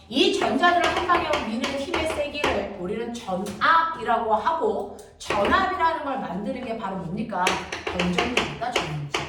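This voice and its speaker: A woman teaching a middle school science class, talking briskly and constantly checking whether students follow. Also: a little high, far from the mic. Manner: brisk, constantly checks understanding with quick questions. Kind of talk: classroom lecture. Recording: echoey classroom from afar, noisy.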